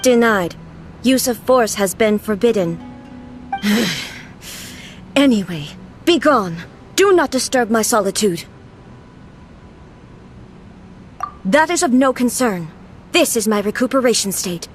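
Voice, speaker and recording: Casting: detached, commanding female guardian for a video game, formal and clipped, a little high in pitch. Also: animated, measured pace, pauses often, soft background music. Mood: cold, dismissive. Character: stern, detached female puppet guardian of a ruler.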